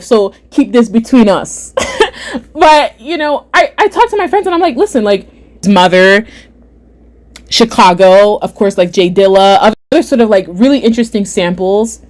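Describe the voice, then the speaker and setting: A young adult woman hosting a casual livestream chat, reading viewer comments aloud, animated and repeating herself often. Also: mid-range voice. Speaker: livestream host.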